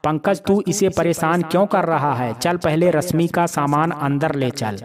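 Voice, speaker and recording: A man voicing an older mother who scolds her son briskly and fusses over her daughter, with crowd noise behind. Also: on the high side, close to an everyday voice. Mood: scolding. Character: older mother, bossy but loving.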